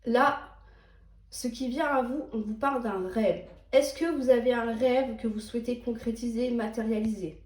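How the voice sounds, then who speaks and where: A woman's voice: on the high side, moderate pace, echoey room. A woman giving a chatty, reassuring tarot reading, often checking in with her listener. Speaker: tarot reader. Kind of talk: tarot card reading monologue.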